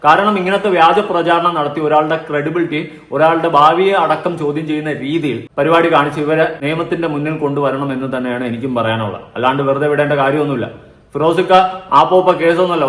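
A man's voice: a little high, steady tone, quick pace, a bit bright, echoey room. A man giving indignant, insistent opinion commentary on his vlog, repeating his points. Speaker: vlogger commentator.

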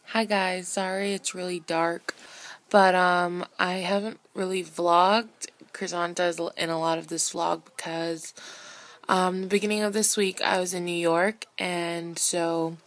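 A woman's voice: lowish voice, flat delivery, a little slow. A young woman vlogger chatting casually to the camera close in front of her.

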